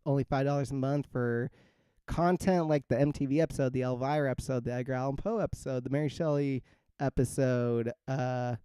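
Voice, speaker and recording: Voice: medium pitch, fairly even intonation, brisk, mellow, clear, resonant tone, no room sound, clean studio sound. A podcast host chatting casually, rambling through fillers and breaking into laughter.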